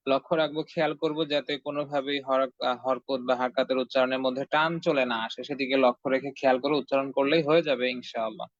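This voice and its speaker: Quran teacher guy, repeats himself patiently, drills syllables slow, kinda muffled dry recording. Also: fairly high pitch, a bit bright, dry recording. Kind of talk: online Arabic letter lesson. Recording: dull dry lo-fi sound.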